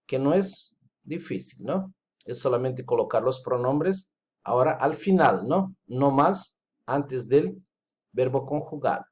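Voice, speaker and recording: A man's voice: mid-range voice, darkish tone. Man explaining grammar with "¿sí?" checks. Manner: explains step by step, tags lines with "¿sí?" and "¿está bien?". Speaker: Spanish teacher. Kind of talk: recorded online lesson.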